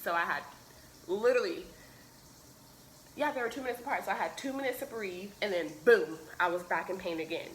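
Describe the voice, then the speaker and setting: A woman's voice: medium pitch, animated, brisk, long pauses, slight background noise, poor audio. A woman vlogger recounting a personal story at home in a chatty, emotional way, full of fillers.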